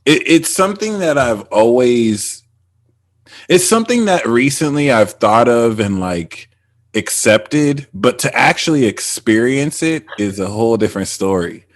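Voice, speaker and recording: A man's voice: medium pitch, animated, a little slow, no room sound. A man hosting a casual spiritual conversation, rambling with many fillers and restarts. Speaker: podcast host.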